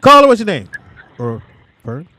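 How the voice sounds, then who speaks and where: A man's voice: high-pitched, huge pitch swings, moderate pace, sharp tone. A man hosting a show with casual, slangy, swearing banter, acting out quotes as he tells stories. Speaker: show host. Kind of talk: casual joking banter and storytelling.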